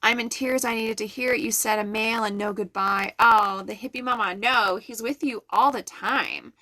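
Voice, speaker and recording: A woman's voice: fairly high pitch, steady tone, moderate pace, bright, forceful tone. A middle-aged woman giving an earnest, soothing live card reading, talking straight to her viewers. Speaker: intuitive card reader. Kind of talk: live-stream tarot reading.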